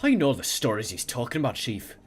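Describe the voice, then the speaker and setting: A man voicing a male companion who speaks in a hushed, confiding way to his chief. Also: mid-range voice, wildly swooping pitch, a little fast, voice pushed down. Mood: uneasy.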